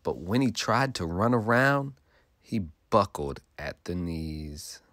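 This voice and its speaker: A man's voice: sits low, sing-song, slow pace, a bit bright, dry recording, clean studio sound. A male teacher reading a rhyming picture book aloud to children in a sing-song way, stopping to ask them questions.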